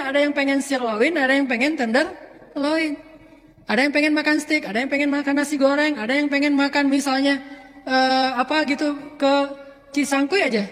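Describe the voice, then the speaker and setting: A male Islamic preacher giving a relaxed, humorous sermon, acting out everyday examples. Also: very high-pitched. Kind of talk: casual conversational sermon. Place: lecture hall or mosque hall. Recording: long hall reverb.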